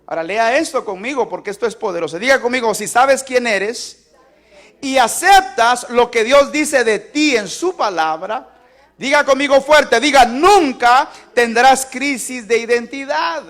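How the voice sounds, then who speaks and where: High-voiced man preaching call-and-response. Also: expressive, measured pace, a bit bright. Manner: asks the congregation to repeat lines aloud. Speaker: pastor. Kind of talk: sermon.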